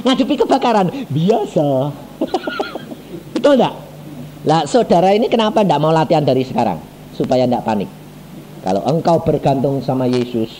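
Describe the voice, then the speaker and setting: Guy preaching, swoops his voice way up and down, slightly high, faint hiss behind. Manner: animated storytelling, acts out quoted voices, asks the congregation questions. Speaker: evangelist preacher. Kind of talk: sermon with stories.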